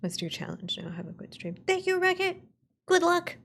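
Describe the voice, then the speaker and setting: With a very high, very animated voice and a fairly bright tone, a woman streamer who also writes and voice-acts chats playfully with viewers at a moderate pace, rambling and cursing along the way.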